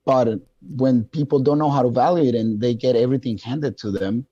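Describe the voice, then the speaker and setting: Speaking a little fast at a medium pitch, this young man with a strong Colombian accent is a podcast guest in casual discussion, hesitant and full of fillers and restarts as he feels his way through his opinions. His tone is mellow and dark, captured close and dry in a dull lo-fi recording with no room sound.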